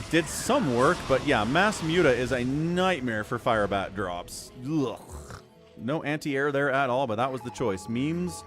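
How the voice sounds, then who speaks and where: A man's voice: medium pitch, a bit bright. A man giving casual, wry livestream commentary on a strategy game, with chatty asides.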